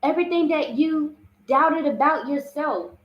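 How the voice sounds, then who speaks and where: Speaking slowly and earnestly, this woman hosts a live-streamed self-love talk with a spiritual bent, her big, strong voice pitched high. She repeats herself and frequently asks "you understand?" An echoey room surrounds her, and the highs are cut off.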